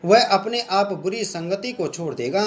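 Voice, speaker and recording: A man's voice: high voice, animated, measured pace, slight background noise. A man voicing a kind old temple mother who consoles and instructs in a soothing way. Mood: instructing. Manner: soothing, reassuring.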